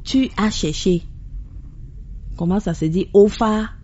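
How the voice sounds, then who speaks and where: A woman host leads a radio language lesson, speaking slowly and carefully. She repeats words back to get the pronunciation right. Her voice comes through with a dull, lo-fi radio sound. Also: medium pitch, dark tone.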